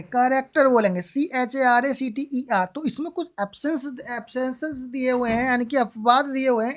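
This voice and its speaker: A young adult woman teaching English pronunciation, spelling words letter by letter and asking and answering her own questions. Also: high voice. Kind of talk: classroom-style lesson.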